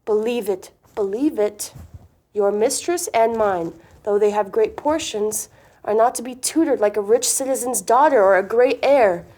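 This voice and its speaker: Woman playing a high-voiced gallant of Restoration comedy. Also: normal speed, warm tone, close to an everyday voice. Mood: reproving. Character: gallant, sensible young gentleman in love, wryly reproving. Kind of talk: Restoration-comedy stage acting, mannered period dialogue.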